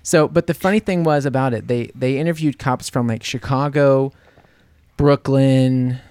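A man hosts a loose, friendly interview. He talks at a medium pitch and slips into quoted voices as he tells stories. The room is dry, with almost no echo. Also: moderate pace, clean tone. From New Orleans, USA. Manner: animated storyteller, acts out quoted voices, laughs often. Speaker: podcast host. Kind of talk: casual interview chat.

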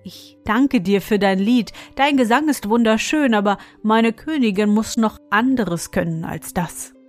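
A woman's voice: on the high side, measured pace, faint music behind, close to an everyday voice. A woman doing an earnest young prince. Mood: polite. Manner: earnest, pleading.

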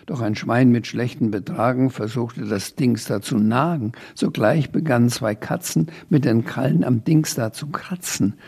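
An older man voicing a cheeky rhyming creature who bosses a class of children through a poem, in a gravelly storybook voice. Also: mid-range voice, normal speed, few pauses, a little mellow. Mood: playful. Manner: playful, praising and correcting the children.

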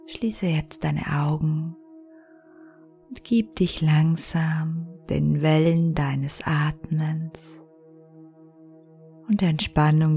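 A woman guides a meditation like a sleep story narrator. Her voice is low and mellow, with a soft creak and breathy phrase endings. She speaks slowly and soothingly over music. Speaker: podcast host and guided meditation leader.

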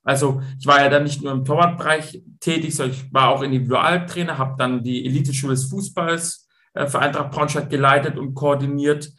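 A middle-aged man with a Swabian accent, answering as a guest in a podcast interview and explaining his coaching work in a lively way. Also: on the high side, fairly quick. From Swabia, Germany. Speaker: guest, youth football coach and company owner.

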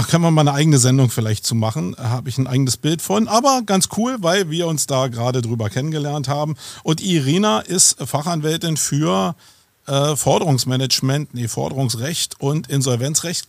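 A man's voice: on the high side, gravelly, no echo. A man hosting a podcast in casual chat, joking and playful, with frequent fillers. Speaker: podcast host.

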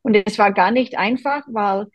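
A woman's voice: mid-range voice, moderate pace, no echo, poor audio. A woman from Boston speaking German with an American accent, chatting relaxedly as an interview guest. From USA (Boston). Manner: relaxed, chatty, personal anecdotes. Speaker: guest, quilt group member. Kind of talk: casual interview chat.

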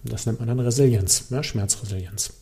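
Warm in tone, medium in pitch and at a normal speed, this male host and pain and movement coach speaks straight to the listener. He handles audience questions in a casual, explanatory way, with frequent small check-in tags.

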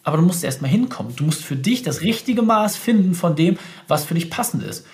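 Fast-talking man, emphatic and direct. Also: fairly high pitch, lively intonation. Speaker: business consultant guest. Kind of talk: podcast interview.

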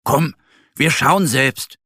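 A man's voice: deep voice, fairly even intonation, slow, bright, forceful tone, slightly rough, dry recording, clean studio sound, heavily acted. A man voicing a shy little male bear in a children's story who stammers when nervous. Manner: stammering, hesitant.

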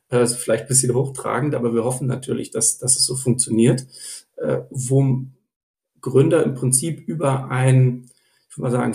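A man's voice: mid-range voice, creaky, mellow, echoey room. A man speaking as an investor guest on a podcast, thinking aloud with many fillers and restarts. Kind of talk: podcast interview.

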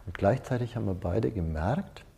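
A dark, gravelly voice, lowish in pitch, moves at a moderate pace with lively intonation. The man is running a seminar in a loose, conversational manner, telling personal stories and regularly adding short tag questions.

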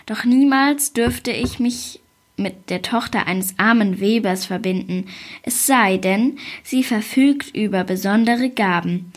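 A woman's voice: mid-range voice, takes it slowly. A woman reading as a proud young king. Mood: demanding. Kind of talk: storybook reading.

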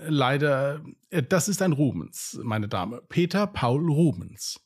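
A man's voice: medium pitch, big pitch swings, takes it slowly, breathy edge, full character voice. A man playing a patient, politely formal male museum guide in a told joke.

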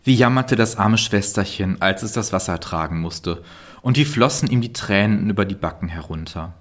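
Low-voiced guy reading a fairy tale, calm and steady. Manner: calm, measured storytelling. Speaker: storyteller.

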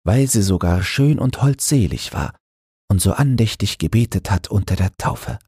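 A man's voice: fairly low pitch, lively intonation, moderate pace, warm tone, slightly rough, no echo, clean studio sound, voice pushed up. A man voicing a kindly, devout wife of a river boatman in a storybook reading. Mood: gentle. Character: old woman, a boatman's wife, gentle and devout.

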